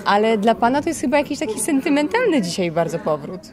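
A woman's voice: on the high side, sing-song, fast talker, a little mellow. A woman radio interviewer asking long, chatty questions outdoors into a handheld mic. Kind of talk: casual interview. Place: outdoor garden courtyard.

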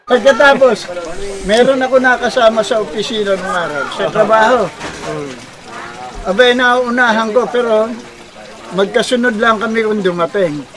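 High-voiced Filipino man telling jokes. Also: moderate pace, long pauses, a crowd in the background. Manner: animated storytelling, acting out quoted characters. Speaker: joke teller. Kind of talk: casual joke telling.

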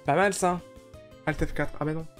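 A young French man streaming a video game and chatting casually, relaxed, with fillers and the odd swear word. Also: fairly high pitch, normal speed, faint music behind. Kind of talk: casual chat.

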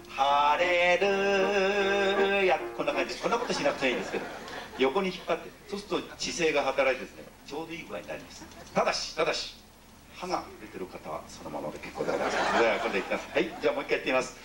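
A man's voice: mid-range voice, very animated, rapid-fire. A middle-aged man leading an audience sing-along on a ship's stage. He is jokey and overly polite, and he teases the crowd. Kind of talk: live stage banter with call-and-response singing. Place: ship's concert hall with an audience. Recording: roomy, distant live hall recording with music. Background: instrumental music.

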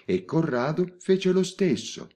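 Man doing an elderly spinster, raised voice, composed, matter-of-fact, lively intonation, unhurried, audiobook. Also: a little high, voice pushed up, heavily acted. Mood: recounting. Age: 80s. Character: elderly spinster woman, calm and unrepentant. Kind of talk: audiobook character reading.

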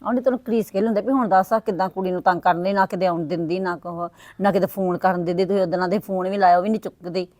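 An actress playing a blunt middle-aged village wife who talks quickly and reproachfully, in a web series drama. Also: female voice, on the low side, fairly even intonation, darkish tone, no room sound, lightly acted. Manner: fast, reproachful, then muttering asides. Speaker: Sukhwinder, sister-in-law.

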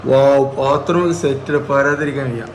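A man's voice: medium pitch, fairly even intonation, normal speed. A man with a Malabar Malayalam accent chats casually as a travel vlogger, mixing in English words and repeating exclamatory slang. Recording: noisy handheld vlog with background ambience.

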